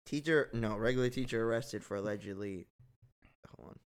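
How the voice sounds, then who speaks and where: A man's voice: on the low side, brisk. A man with an American accent hosting a casual, profane chat show, riffing on odd news like a frat bro. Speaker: talk show host reading out odd news.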